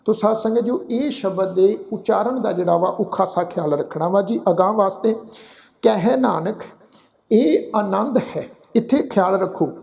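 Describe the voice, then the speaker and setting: A man with a Punjabi accent patiently teaching Gurbani pronunciation, explaining slowly and politely, then chanting verse lines drawn out. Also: high voice, creaky, a little mellow. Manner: addresses listeners politely as "ji". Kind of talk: scripture recitation lesson.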